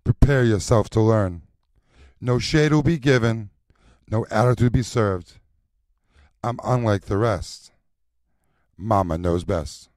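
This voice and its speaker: A man performing recorded voice lines as a sassy, confident drag mother teaching a class, in a slow rhythmic chant with sultry stretched endings. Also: fairly low pitch, darkish tone, no room sound, clean studio sound.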